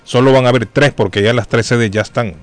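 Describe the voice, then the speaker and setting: A man's voice: medium pitch, steady tone, fairly quick, faint music behind. A man hosting a call-in radio show, debating sports rules in a casual, argumentative way and hedging his points. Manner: argumentative, thinks aloud with hedges.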